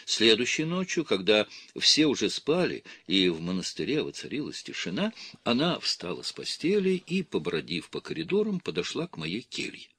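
A man reading a classic novel aloud as an audiobook in a calm, measured way. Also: lowish voice, husky, no echo. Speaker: audiobook reader. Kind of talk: scripted literary narration.

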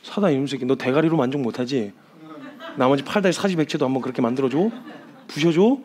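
A man voicing God as a furious, protective father shouting threats with rough slang. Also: mid-range voice, fast, natural voice. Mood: menacing.

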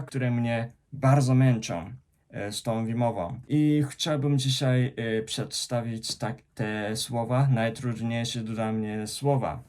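A man's voice: mid-range voice, a little mellow. A young man from Japan, speaking in a Japanese accent and working carefully through his words in a casual vlog, often stopping and restarting on hard sounds. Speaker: vlogger.

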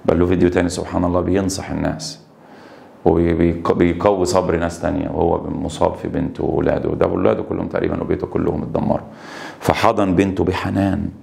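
Egyptian guy teaching english vocab, low gravelly voice, reads english slow then explains in arabic fast. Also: level tone, darkish tone. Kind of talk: exam-prep lesson, translating sentences.

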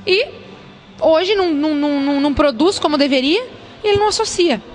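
A woman's voice: high voice, lively intonation, a little fast. A young woman veterinarian answering interview questions into a handheld mic indoors, often restarting her sentences. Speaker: veterinarian speaker. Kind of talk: on-camera interview. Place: indoor hall.

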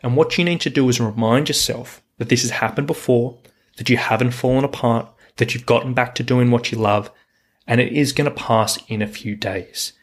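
A man's voice: mid-range voice, moderate pace. A man hosting a solo coaching podcast, talking in an earnest, reassuring way and repeating words for emphasis. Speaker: podcast host, hiking coach.

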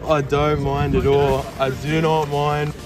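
A young man on a pier outdoors, excitedly urging his mate on and exclaiming as he lands a fish. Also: on the high side, slow pace. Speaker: angler. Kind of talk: live excited commentary. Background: loud music.

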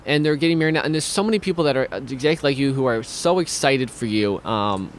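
A young man hosts a loose, casual chat in a small home studio, talking into a studio mic with headphones on. He rambles, restarts his sentences and fills the gaps with ums. His voice sits at a middle pitch, with a faint hiss of noise behind it. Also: lively intonation, quick pace. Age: young adult. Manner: rambling, many restarts and fillers, reads viewer comments aloud. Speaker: host of a streaming talk show. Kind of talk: casual video-call chat.

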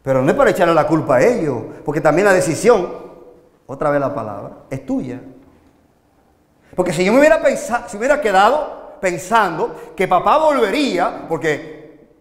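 Animated man preaching in a hall. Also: sits high, normal speed. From Dominican Republic. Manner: animated, rhetorical questions, swings loud and soft. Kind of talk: live sermon to young people. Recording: echoey hall, long reverb.

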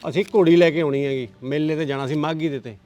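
A man's voice: a little high, fairly even intonation, fast talker, mellow, highs cut off, lightly acted. A man playing a blunt, impatient village man in a village drama. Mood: gruff. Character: gruff village man sitting at the bar. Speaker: brother-in-law.

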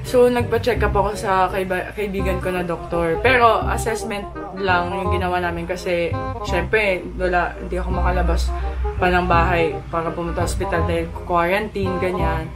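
A woman's voice: fairly low pitch, steady tone, moderate pace. A woman from the Philippines, a vlogger chatting playfully and teasing a friend during a prank call. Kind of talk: casual chat. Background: music.

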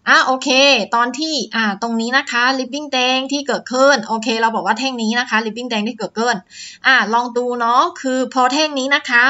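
Her voice sits a little high and moves at a fairly quick, steady clip, bright and forceful despite dull audio. In a screen-shared lesson, she teaches stock chart reading step by step, often saying "อ่า" and ending sentences with a polite "นะคะ."

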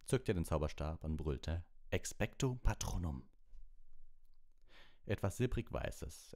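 A man narrating a storybook aloud, reading in a lively way and acting out the dialogue. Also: rumbling low. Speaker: audiobook narrator.

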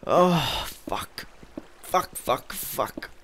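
A man's voice: fairly high pitch, animated, very slow, fairly bright tone, a little hiss or hum. A young man giving casual, frustrated commentary while playing a game, swearing often and talking to his viewers. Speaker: gaming channel host.

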